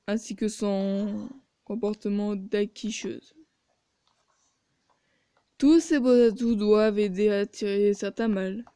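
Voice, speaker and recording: Slow-spoken woman reading a game aloud. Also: medium pitch, warm tone, clean tone. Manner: sarcastic asides. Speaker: video game player. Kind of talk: reading a story game aloud with side comments.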